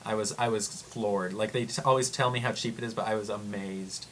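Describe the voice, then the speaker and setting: Excitable young man rambling. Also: fairly low pitch, brisk. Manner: rambling, excitable storytelling with many "like"s and acted-out quotes. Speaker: vlogger. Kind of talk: casual travel-story vlog.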